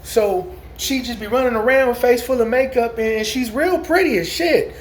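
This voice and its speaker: A man near fifty talks straight to his audience in a loose, meandering vlog monologue. His voice sits unusually high for a man. He stumbles and restarts often, checking in with his listeners again and again, over a faint hiss of background noise. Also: moderate pace. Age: 40s. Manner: rambling, repeats "you know what I'm saying", frequent restarts. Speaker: vlogger. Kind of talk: casual storytelling monologue.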